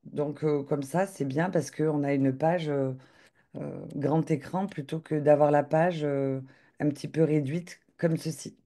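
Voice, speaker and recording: A woman giving a live software demo on a video call, talking hesitantly with lots of filler sounds and restarts. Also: low voice, fairly even intonation, a little slow.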